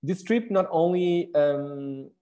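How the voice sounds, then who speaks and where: The recording is lo-fi, capturing a slow, mellow, fairly high-pitched male voice. He is a Portuguese architect and exhibition designer in his thirties, answering questions in English with a Portuguese accent and explaining his design work thoughtfully through many fillers and restarts.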